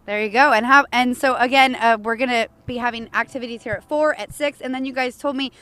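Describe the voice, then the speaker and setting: A woman's voice: a little high, fairly even intonation, fast talker, pushed and bright. Upbeat woman reporting live outdoors. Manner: upbeat, chatty, asks questions. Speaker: field reporter. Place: outdoors at a stadium area.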